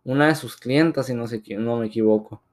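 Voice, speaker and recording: A heartbroken older wife and mother, sobbing and then lashing out in fury, as a male storyteller puts her on. Her voice sits at a middling pitch, torn by grief. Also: fast talker, darkish tone, lightly acted. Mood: weeping. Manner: weeping, distraught and furious.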